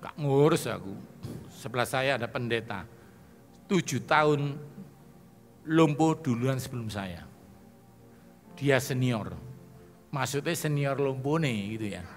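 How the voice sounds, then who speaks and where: A middle-aged man preaching a sermon with a Javanese Indonesian accent, telling stories and swinging from quiet asides to loud proclamations. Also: mid-range voice, measured pace, long pauses, soft background music. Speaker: evangelist preacher. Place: church hall. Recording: long reverb of a large hall.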